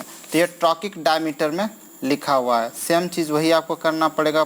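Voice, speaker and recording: Man, teacher, exam-prep lesson, slightly high-pitched, counting feet aloud, stretched stressed syllables. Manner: counts syllables aloud, drawn-out stressed words, frequent "okay" fillers.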